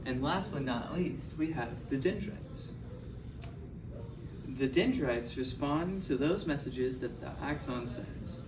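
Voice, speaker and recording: Male infomercial hard-sell presenter, halting and repetitive; echoey room, clear background noise. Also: mid-range voice. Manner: halting delivery with stumbles and repeated phrases. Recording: roomy, distant mic, clearly noisy.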